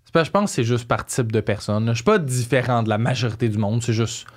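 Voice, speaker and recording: A man's voice: mid-range voice, fast. A young adult man with a Quebec French accent, chatting casually in slangy speech sprinkled with English phrases. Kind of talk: casual chat.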